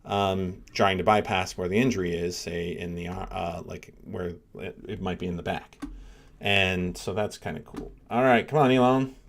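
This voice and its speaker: Rambling professor with a low voice. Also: male voice, little pitch movement, measured pace, creaky, a bit bright, slight background noise. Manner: rambling, thinking aloud with many fillers. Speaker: livestream host, neuroscience professor. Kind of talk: casual live reaction commentary.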